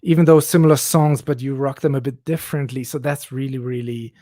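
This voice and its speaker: A man's voice: mid-range voice, fairly quick, no room sound. Man in his forties, dry sound. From Germany. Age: 40s. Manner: relaxed storytelling, laughs often. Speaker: guest DJ. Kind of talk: casual chat.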